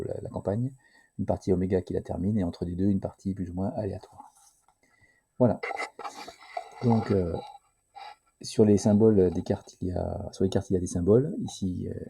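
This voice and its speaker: A man presenting a casual board game tutorial, hesitant and full of filler pauses, at times reading the game's text aloud. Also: sits low, creaky, warm tone, breathy edge.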